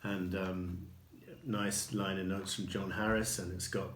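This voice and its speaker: A man with a low voice talks through his purchases in a casual review, unhurried and full of ums and small restarts. The recording sounds roomy and echoey, with a faint hiss underneath. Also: flat delivery. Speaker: record collector showing purchases. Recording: echoey room with faint noise.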